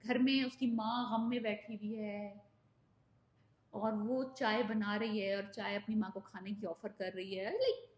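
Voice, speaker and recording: A woman's voice: medium pitch, steady tone, unhurried. A woman recapping a TV drama episode in a chatty, opinionated way, dropping English phrases into her talk. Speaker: drama reviewer. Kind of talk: casual recap vlog. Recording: echoey room.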